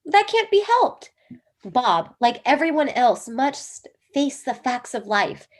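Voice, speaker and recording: Wife in a comic play reading, dream-analysis zealot, high and lively, emphatic; a woman plays her. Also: slow, heavily acted. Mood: lecturing. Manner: emphatic, theatrical delivery.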